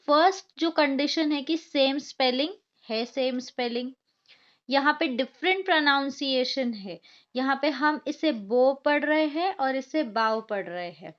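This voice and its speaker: An Indian woman tutor walks learners through a grammar lesson, unhurried and patient as she spells out each example word. Her voice sits high, and the recording sounds a little dull and lo-fi.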